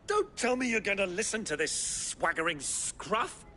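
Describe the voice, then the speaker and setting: A man's voice: high-pitched, big pitch swings, moderate pace, bright, forceful tone, a little hiss or hum, exaggerated voice. A man playing a hot-tempered, scornful older companion who blusters in a period fantasy game drama. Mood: indignant.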